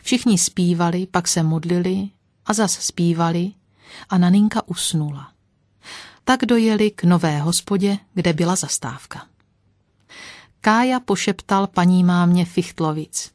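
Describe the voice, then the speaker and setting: Low-voiced woman reading a story. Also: a little mellow, no room sound, studio quality. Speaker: narrator. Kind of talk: audiobook storytelling.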